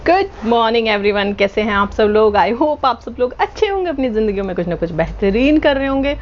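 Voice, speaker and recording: Woman vlogger, chatty and playfully teasing, mixes Hindi and English, voice on the high side, dull low-fi recording. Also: animated, normal speed, background noise. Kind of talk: casual vlog chat to camera. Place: at home indoors.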